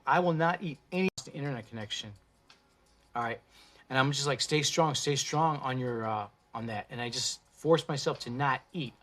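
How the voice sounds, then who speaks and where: A man hosting a casual livestream, talking in a profane, slangy and animated way into a phone. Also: on the high side. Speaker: livestream host.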